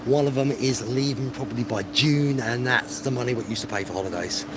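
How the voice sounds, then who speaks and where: This English man speaks briskly in a mid-range voice, rambling to his live stream viewers in a matey, self-deprecating style. As a livestreaming travel vlogger, he's walking outside along the streets. The recording is clear, with outdoor traffic and street sounds.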